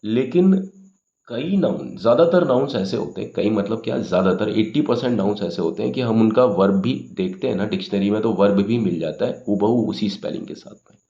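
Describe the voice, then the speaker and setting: A man's voice: fairly low pitch, expressive, a little fast, gravelly, dark tone, muffled recording. A man teaching English grammar in Hindi, patiently explaining words and often checking with "okay?".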